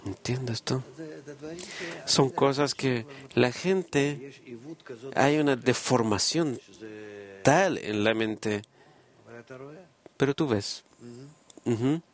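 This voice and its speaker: Earnest man with halting voice-over. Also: mid-range voice. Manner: earnest, halting with frequent "eh" fillers. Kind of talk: Spanish voice-over of a conversation.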